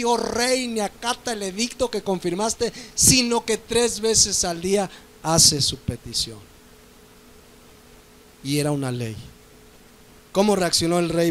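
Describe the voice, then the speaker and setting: Male pastor, high voice, dramatic sermon delivery. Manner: preaching with dramatic, rising and falling delivery.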